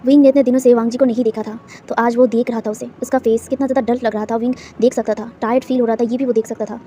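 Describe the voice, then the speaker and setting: A woman narrating a fan fiction story in a rapid, casual retelling full of fillers and restarts. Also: a little high, little pitch movement, dark tone, slight background noise.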